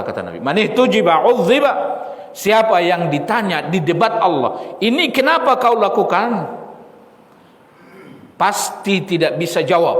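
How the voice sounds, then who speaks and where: A male preacher giving a study sermon in a mosque, repeating key lines and asking the listeners rhetorical questions. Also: on the high side. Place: mosque hall. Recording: echoey hall with long reverb.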